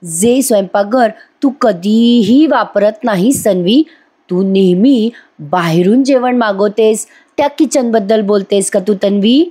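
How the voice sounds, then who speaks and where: A woman's voice: medium pitch, a little slow, mellow, breathy edge. A woman voicing a stern elderly matriarch in a serial recap, scolding and giving orders. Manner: scolding, commanding. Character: stern elderly grandmother, head of household.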